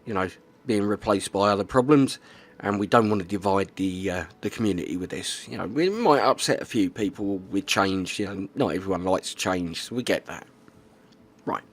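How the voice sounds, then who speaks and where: A man explaining things in a casual, plainspoken monologue, often checking in with "okay?" and "right". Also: on the low side. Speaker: YouTuber.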